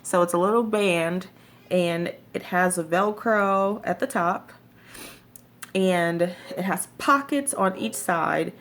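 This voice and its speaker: A woman's voice: lowish voice, takes it slowly, fairly bright tone. A woman talking casually to viewers in a vlog, giving advice in an informal, emphatic way. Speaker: vlogger sharing jaw surgery recovery tips.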